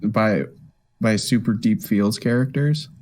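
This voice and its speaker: A young man co-hosting a podcast in casual chat, hesitant and quick to laugh, often restarting his sentences. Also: fairly low pitch, darkish tone. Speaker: podcast co-host.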